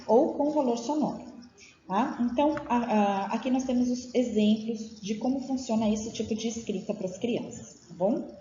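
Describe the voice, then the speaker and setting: Woman teacher trainer, patient explainer, mellow tone, dull echoey room recording. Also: on the high side, moderate pace. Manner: explains patiently, with frequent check-in tags. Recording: dull, echoey room audio with faint noise.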